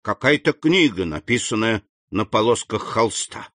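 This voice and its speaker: A man's voice: fairly low pitch, expressive, measured pace, a bit bright, no room sound, clean studio sound. A man voicing a humble middle-aged prison gatekeeper, deferential and eager in an audiobook reading.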